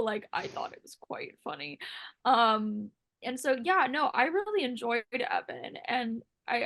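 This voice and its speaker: Speaking in a slightly bright voice that sits on the high side with some vocal fry, a young former contestant talks casually in an interview. Her answers ramble, loaded with "like" and "um".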